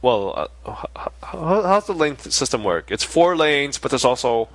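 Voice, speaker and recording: A man co-hosting a casual late-night podcast chat, rambling through stories with halting restarts. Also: medium pitch, sing-song, no room sound. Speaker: podcast co-host.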